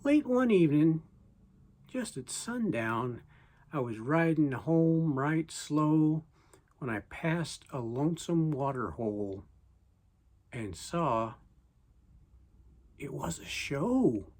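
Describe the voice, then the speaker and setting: A person with a reciting poetry as a story in verse, in a folksy way with deliberate pauses. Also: medium pitch, expressive, darkish tone.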